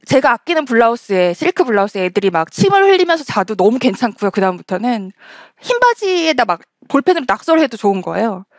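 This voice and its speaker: A woman speaking on stage in a storytelling talk, her voice set a little high and moving a lot in pitch. She acts out the quoted lines of the people in her story. The sound is close and dry. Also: very animated, fast, no echo.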